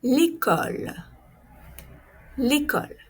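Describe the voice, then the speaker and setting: A woman giving a pronunciation lesson at a very unhurried pace, spelling out each word with deliberate care. Her voice is breathy and a little husky. She repeats every example and speaks straight to her learners. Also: sits high, very animated. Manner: addresses learners directly, explains spelling. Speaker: French pronunciation teacher.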